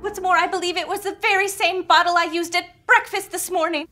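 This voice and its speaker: A woman's voice: extremely high pitch, fairly even intonation, brisk, pushed and bright, faint music behind. A woman playing a melodramatic damsel in distress in a noir parody, earnest and theatrical. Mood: earnest, dramatic. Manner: earnest, theatrical, overdramatic delivery. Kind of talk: noir parody audio drama.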